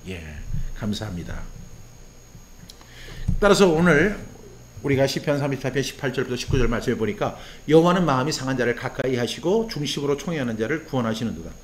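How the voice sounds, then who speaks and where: A man's voice: medium pitch, fairly quick, a little hiss or hum. A man preaching a sermon as pastor, asking the listeners questions and acting out quoted prayers and complaints. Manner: acts out quoted prayers and grumbling in lively voice; asks the listeners questions and answers them.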